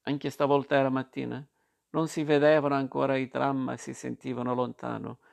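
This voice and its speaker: Male audiobook narrator, mid-pitched, gravelly, even, unhurried literary reading.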